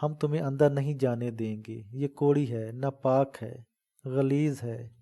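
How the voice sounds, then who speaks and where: A man playing hostile shrine guards in an audiobook, shouting at an old woman with contempt. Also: medium pitch, fairly even intonation, lightly acted. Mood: harsh threats.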